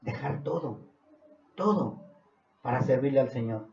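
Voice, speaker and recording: A man preaching a sermon as pastor, building to emphatic questions and then dropping to quiet reflective lines. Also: mid-range voice, lively intonation, unhurried, slight background noise. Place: church hall. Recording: roomy, dull church recording.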